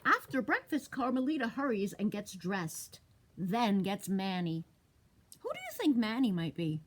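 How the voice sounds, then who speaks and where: At a storytime read-aloud, a female librarian with a medium-pitched voice and measured pace shares a picture book with young children. Her delivery is lively, and she keeps asking them questions along the way.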